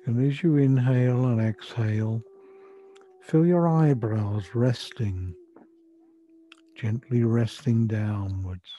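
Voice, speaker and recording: Very mellow, breathy older man guiding relaxation. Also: medium pitch. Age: 60s or older. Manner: soothing, measured, gentle instructions. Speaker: relaxation therapy guide. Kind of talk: guided relaxation and breathing meditation. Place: furnished room at home. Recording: dull lo-fi sound, music behind. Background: music.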